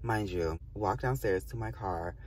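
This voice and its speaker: A man's voice: on the low side, unhurried, a little mellow, slightly rough, recorded from a distance. A man telling a storytime to his viewers in a casual, rambling and profane way, full of fillers and asides. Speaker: vlogger.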